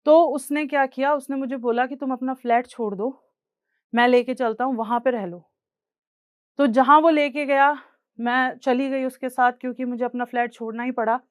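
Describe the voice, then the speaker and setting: A woman's voice: a little high, clean tone, dry recording, studio quality. A young woman with an Indian accent tells a personal life story on stage in an earnest, plain way, slipping English words into her talk.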